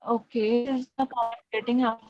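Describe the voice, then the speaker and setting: A woman student on an online class call, speaking haltingly while her audio keeps breaking up. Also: on the high side, little pitch movement, no room sound. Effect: choppy, breaking-up call audio. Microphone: computer on a video call. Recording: dull lo-fi video call line.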